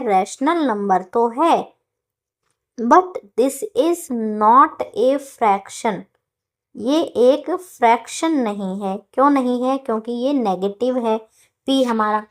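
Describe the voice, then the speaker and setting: A woman with a slightly high voice teaches a maths lesson. She walks through each step by asking questions and answering them herself, mixing English terms into her explanation. When she dictates definitions she draws the words out slowly, one by one. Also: a little mellow. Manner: slow, drawn-out dictation of definitions word by word.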